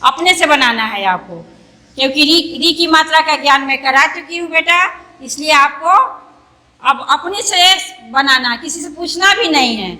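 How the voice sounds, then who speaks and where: A woman teaching a primary school class online, slowly breaking words into letters and vowel signs for young children. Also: high voice, sharp tone, long reverb tail, poor audio. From India.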